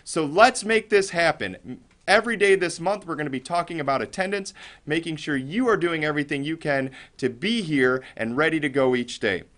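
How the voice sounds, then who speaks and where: An American man with a fairly high voice delivers upbeat morning announcements at a school. He addresses the children directly and encourages them as he goes. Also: fairly quick, fairly bright tone. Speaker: elementary school staff announcer and club leader.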